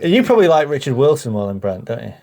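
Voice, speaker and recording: A man's voice: mid-range voice, big pitch swings, quick pace, creaky, darkish tone. A man co-hosting a podcast, chatting casually and teasing his co-host with challenges. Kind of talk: casual chat.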